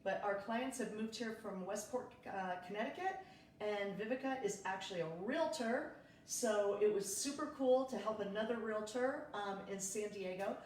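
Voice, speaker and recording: A woman's voice: mid-range voice, moderate pace, darkish tone, recorded from a distance, slight background noise. A woman in her thirties, a realtor chatting casually on a livestream from her kitchen and greeting viewers by name. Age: 30s. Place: home kitchen. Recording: echoey room, from off-mic.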